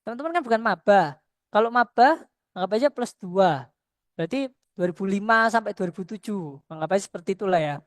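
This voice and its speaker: A woman's voice: mid-range voice, animated, fairly quick, dry recording, clean studio sound. A middle-aged woman, a lecturer, giving a conversational workshop talk to students, earnest and repeating points for emphasis.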